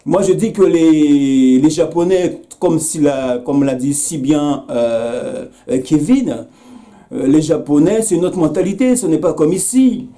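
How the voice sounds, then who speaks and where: A man's voice: a little high, a little slow, warm tone. A man speaking straight to camera in a video commentary, earnest and repetitive, with many hesitations, calling out another creator by name. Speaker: YouTube commentator. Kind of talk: direct-address video commentary.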